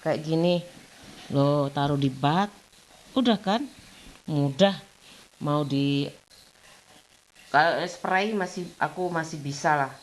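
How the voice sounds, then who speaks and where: A middle-aged woman, chatting at home in a rambling, venting way, her voice jumping up in complaint and sinking to low murmurs. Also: slow pace, pauses often, a little hiss or hum. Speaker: vlogger. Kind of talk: casual chat.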